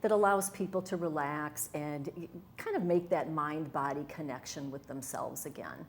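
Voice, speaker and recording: In a conversational interview, a Wisconsin wellness coach in middle age answers with earnest enthusiasm, using fillers and restarting sentences. She has a low-pitched voice at normal speed, and there's slight background noise.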